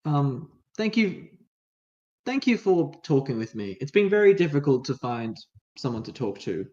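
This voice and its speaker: A man voicing a lonely, thoughtful male demon in a tabletop game, speaking softly and hesitantly. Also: a little high, big pitch swings, normal speed. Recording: dull lo-fi recording.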